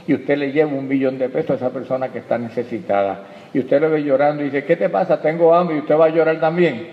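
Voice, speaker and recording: A man preaching a sermon as pastor, calling listeners brother and building to loud, fervent peaks. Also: medium pitch, quick pace. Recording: echoey hall, dull lo-fi sound.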